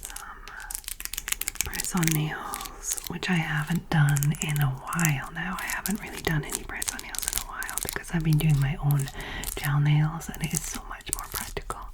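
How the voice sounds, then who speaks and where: A woman chatting informally in a soft, breathy ASMR whisper, gentle and rambling, close to the microphone. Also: low-pitched, fairly even intonation, moderate pace, low-quality recording. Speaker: ASMR video host.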